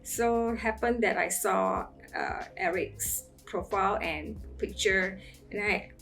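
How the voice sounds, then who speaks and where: A woman's voice: mid-range voice, takes it slowly, gravelly, fairly bright tone, faint music behind. A woman in her forties playfully recounting a story in an interview. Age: 40s.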